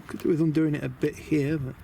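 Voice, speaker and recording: A man's voice: a little high, flat delivery, fast talker, gravelly, mellow. A British man giving a casual, rambling vlog commentary in an understated, chatty way, muttering asides to himself. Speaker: DIY vlogger showing a camper van conversion. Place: outdoors by a van beside a house. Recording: windy outdoor camera audio with noise. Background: wind noise.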